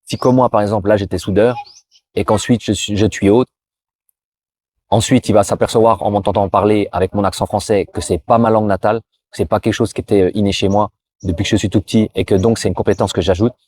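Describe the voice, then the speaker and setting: Low-voiced French man giving advice. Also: steady tone, quick pace, darkish tone. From France. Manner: talks directly to viewer, frequent restarts and repetitions. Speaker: career advice video host. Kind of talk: informal advice monologue.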